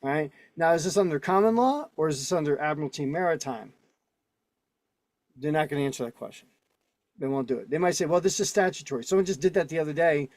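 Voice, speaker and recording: A man's voice: on the high side, lively intonation, fast talker, darkish tone, dry recording. A man teaching casually on a video call. He argues his points and keeps checking in with the listeners. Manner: argumentative, keeps checking in with "right?" and "okay?". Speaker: instructor.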